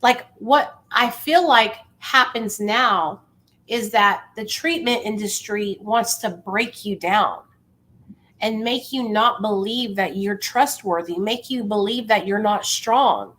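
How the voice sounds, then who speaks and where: A woman's voice: mid-range voice, slow pace, fairly bright tone. A woman giving impassioned, informal motivational talk to viewers, emphatic and insistent, repeating phrases to drive them home. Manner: informal, familiar address. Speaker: livestream host speaking on addiction recovery.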